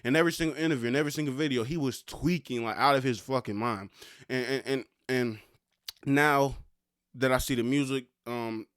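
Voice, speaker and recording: A man's voice: medium pitch, steady tone, fairly quick, a bit bright, clean tone, dry recording, clean studio sound. A young man hosting a solo podcast, talking loosely in slang and stumbling over repeated words as he goes. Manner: stammering, loose slangy rap-fan talk. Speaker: podcast host. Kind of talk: casual solo podcast monologue.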